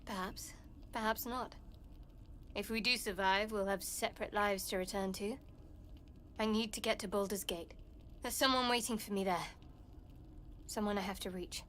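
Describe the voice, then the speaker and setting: An actress playing a guarded, pragmatic adventurer in a fantasy game, cool and curt. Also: female voice, medium pitch, steady tone, moderate pace, pauses often, a bit bright, a little hiss or hum, close to an everyday voice. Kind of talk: video game character dialogue.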